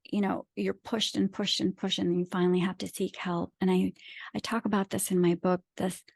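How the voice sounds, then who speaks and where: In a clean studio recording with no echo, a woman's lowish, creaky, husky voice moves at a normal speed with a flat delivery. She is from Pakistan, speaks English as her second language, and appears as an author and interview guest, reflective, earnest, emphatic and philosophical in manner.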